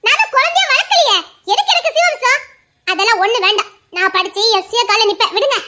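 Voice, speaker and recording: A young separated wife and student with a Tirunelveli Tamil accent, played by a woman, thinking aloud in a soft, musing voice. Her pitch is extremely high. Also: fast. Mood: defiant. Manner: musing, soft-spoken inner monologue.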